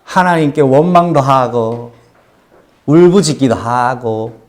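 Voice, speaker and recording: A middle-aged male pastor preaching a sermon, telling his own testimony with animated storytelling. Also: mid-range voice, slow. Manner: animated storytelling testimony, acting out quoted cries.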